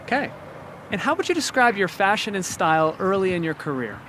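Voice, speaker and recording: A man asking quick, upbeat rapid-fire questions as an interviewer. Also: high-pitched, big pitch swings, sharp tone, a little hiss or hum.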